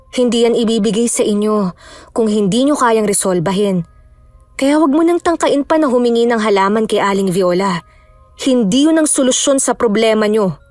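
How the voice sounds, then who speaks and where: A woman playing a caring young woman who calmly reassures her friend in a horror audio drama. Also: fairly high pitch, no room sound, natural voice. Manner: reassuring and sensible.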